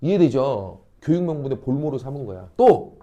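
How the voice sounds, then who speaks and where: A man teaching a high-school history class, blunt and teasing, quizzing students and acting out a king's orders. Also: very animated, normal speed, dark tone, lo-fi sound. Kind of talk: classroom lecture.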